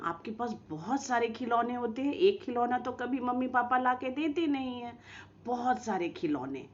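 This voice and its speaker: Woman teacher for small kids, slow and sing-song, slightly muffled lo-fi recording. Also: mid-range voice. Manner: slow, drawn-out pronunciation of example words; lively, coaxing teacher tone with questions to children. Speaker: school teacher. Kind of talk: recorded online lesson for young children.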